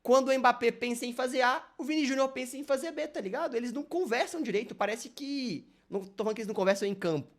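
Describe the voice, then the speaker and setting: A man's voice: very high voice, fast, few pauses. A Brazilian man reacting live to a video, talking casually in a rambling, slang-heavy way. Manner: slangy, rambling, loaded with fillers like "mano" and "velho".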